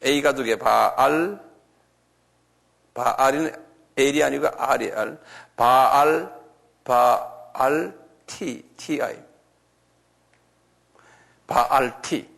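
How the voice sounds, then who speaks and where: A man giving a church lecture, slowly spelling out and repeating foreign names and often asking his listeners questions. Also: mid-range voice, gravelly, a bit bright. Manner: slow, repetitive, asks the audience questions. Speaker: lecturer on creationism.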